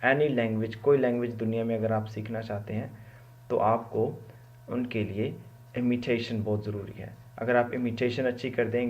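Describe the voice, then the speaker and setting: In a mid-range voice with the high frequencies cut off, a Pakistani man who teaches the Quran walks through how Arabic letters are pronounced. He repeats each sound to show it, explains as he goes, and slips English words into his speech.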